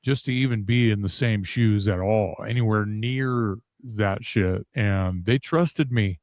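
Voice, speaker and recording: A man talking casually as a guest in an interview, candid and halting, with many restarts and some swearing. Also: lowish voice, a little mellow, no echo, studio quality. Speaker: guest vocalist.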